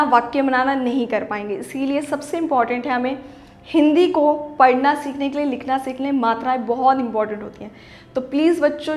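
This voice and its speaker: A woman with a high voice teaches young children an online language lesson. She is patient, stretches out practice words slowly and keeps checking in with a lifted question. The room around her has a clear echo. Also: fairly bright tone. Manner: patient, repeats "ठीक है?" with a rising lift; slow, drawn-out word drills. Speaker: primary school Hindi teacher. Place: home or classroom recording for online class. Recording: roomy echo.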